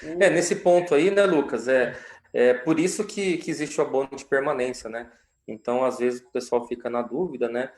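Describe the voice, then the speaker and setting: A man's voice: mid-range voice, moderate pace. A man working as a lawyer, answering questions on a live stream in an explanatory way, with many fillers and tag questions. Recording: roomy echo.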